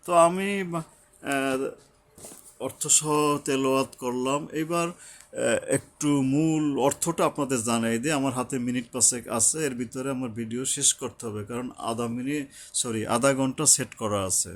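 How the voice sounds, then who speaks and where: A man teaching Quran recitation. He chants Arabic verses in long drawn-out phrases, then explains pronunciation in earnest, instructive speech. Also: mid-range voice. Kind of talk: recitation lesson.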